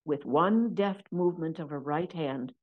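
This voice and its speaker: A woman with a fairly low voice reads a historical novel aloud. Her delivery is measured and steady, lingering over descriptive detail. It has the even pace of a scripted audiobook. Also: narrow, tinny audio. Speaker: audiobook narrator. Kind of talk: scripted narration.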